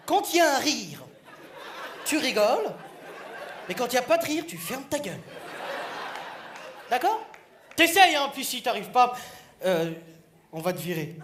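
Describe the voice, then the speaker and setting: A male stand-up comedian who teases and jokes with his audience in an animated way. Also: very high voice. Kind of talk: stand-up comedy with crowd work. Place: stage in a comedy venue. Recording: echoey venue with crowd laughter and noise.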